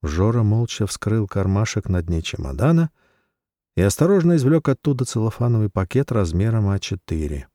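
A man narrating a story in a measured audiobook style. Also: on the low side, warm tone, dry recording, clean studio sound.

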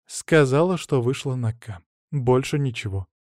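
A composed, sly woman, read by a male narrator in his own even voice, matter-of-fact and unhurried. The recording is dry and close. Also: mid-range voice, dry recording, close to an everyday voice. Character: calm, sly female informant.

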